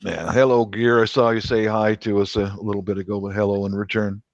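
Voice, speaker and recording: A man's voice: fairly low pitch, fairly even intonation, a little fast, vocal fry, no room sound. A man joining a casual chat with short replies and chuckles. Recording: dull dry lo-fi sound.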